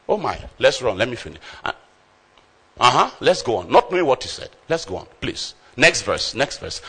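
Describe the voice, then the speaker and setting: Animated, husky-voiced male preacher. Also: mid-range voice. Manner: emphatic, calls out to the congregation. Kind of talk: sermon.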